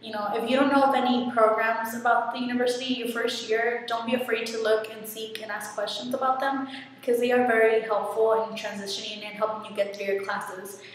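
A young first-generation college student records a short, earnest, encouraging testimonial to her laptop webcam in a small indoor dorm room. Her fairly high voice is brisk and flat, captured from a distance in an echoey room with faint hiss.

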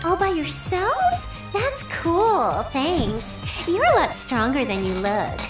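A woman's voice: very high voice, wildly swooping pitch, takes it slowly, loud music behind the voice, heavily acted. A woman voicing a bubbly, scatterbrained and cheeky young girl heroine in an anime video game, playful and dramatic. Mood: friendly, surprised. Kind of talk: English video game voice acting.

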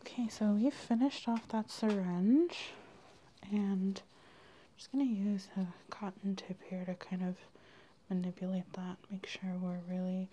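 Woman, ASMR dentist roleplay, gentle reassuring whisper, mellow tone. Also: medium pitch, a little hiss or hum. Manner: gentle, soft-spoken, reassuring.

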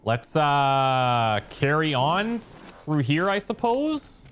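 A man's voice: fairly high pitch, big pitch swings, very slow, a bit bright, slight background noise. Man, let's play host, casual commentary, musing, chatty. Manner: chatty and musing, thinks aloud with fillers.

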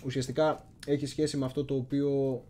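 A man's voice: medium pitch, flat delivery, mellow, soft background music. A man hosting a casual history livestream, chatty and digressive, often stopping to search for words. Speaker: history channel host.

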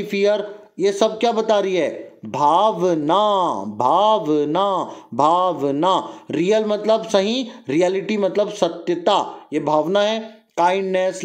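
A young man teaching a grammar lesson, repeating words and asking the listener quick questions to drill them in. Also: sits high, a little mellow. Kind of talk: Hindi grammar lecture mixing in English terms.

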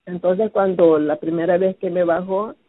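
A woman giving a personal testimony, recounting her past slowly and hesitantly, with many fillers and restarts. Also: fairly low pitch, steady tone, no room sound. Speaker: testimony giver. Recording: phone-like, dry narrow sound.

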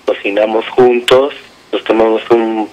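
A man's voice: fairly low pitch, little pitch movement, a little slow, a little mellow, poor audio. A man from Mexico City with a Mexican accent, talking hesitantly on a call and often adding "right?". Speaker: prank-call target.

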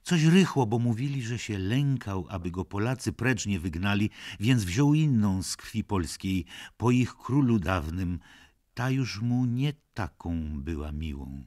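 A man voicing a fearful, pious old nursemaid in an audiobook, husky and confiding, with a sighing manner. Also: lowish voice, expressive, unhurried, no room sound, studio quality. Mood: mournful. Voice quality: husky, gravelly. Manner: sighing, hushed, confiding storyteller. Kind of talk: audiobook character reading.

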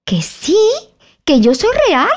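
A woman's voice: high-pitched, big pitch swings, slow, pitched above the performer's own voice, exaggerated voice. A woman voicing a sensible, considerate young girl in an audiobook, speaking earnestly. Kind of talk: audiobook character voice.

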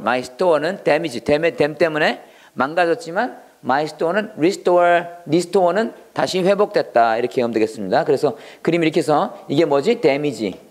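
A man teaching English vocabulary in Korean, with a Korean accent, repeating words in drawn-out sing-song drills. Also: a little high, darkish tone. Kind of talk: lively classroom-style vocabulary lecture.

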